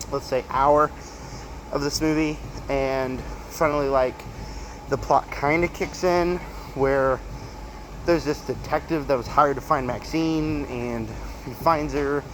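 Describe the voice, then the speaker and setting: A man giving a casual, emphatic movie review as a video host while walking on a treadmill, halting and repeating himself for stress. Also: fairly high pitch, low-quality recording. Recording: clear treadmill motor and footstep noise. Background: treadmill noise.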